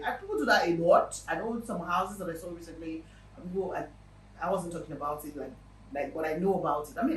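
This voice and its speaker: A woman's voice: fairly low pitch, reverberant, distant mic, a little hiss or hum, rough recording. A Nigerian woman hosting a real estate show, talking casually to her viewers with emphatic repetition. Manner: lively and chatty, with emphatic repetition.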